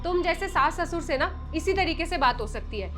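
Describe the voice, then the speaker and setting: Actress as insulting young daughter-in-law, commanding, high voice, light music behind. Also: female voice, lively intonation, fairly quick, a bit bright. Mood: contemptuous.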